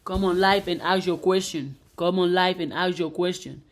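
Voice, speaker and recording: A woman with a lowish voice hosts a motivational live stream at a moderate pace, chanting repeated affirmations, inviting viewers to join in and ask questions, and bursting into excited cheering. The sound is roomy.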